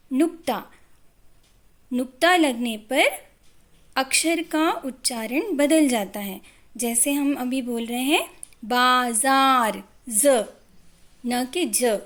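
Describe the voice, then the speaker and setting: Woman teacher, very slow, patient syllable-by-syllable phonics for children. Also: high voice, fairly bright tone. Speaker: primary school teacher. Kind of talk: Hindi phonics lesson for young children.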